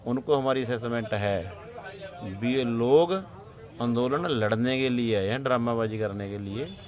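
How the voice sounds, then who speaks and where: A man, a protesting farmer giving an impassioned interview answer, fiery and emphatic, rising to loud outbursts. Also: medium pitch, a little slow. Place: outdoors at a protest site.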